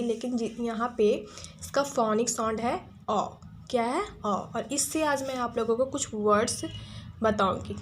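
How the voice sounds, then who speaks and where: A woman teaching a phonics lesson to young children, spelling out words letter by letter and asking the class questions. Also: on the high side. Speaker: kindergarten teacher.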